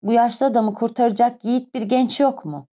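A woman's voice: a little high, fairly even intonation, a little fast, warm tone, natural voice. A woman voicing a crushed old carter crying out. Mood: pleading. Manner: crying out in pain, pleading. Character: desperate old male carter crushed under cart. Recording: dull lo-fi recording.

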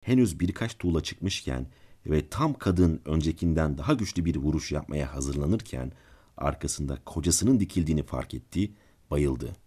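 Man, very deep voice, calm measured storyteller, audiobook narration. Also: breathy edge. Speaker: audiobook narrator and channel host.

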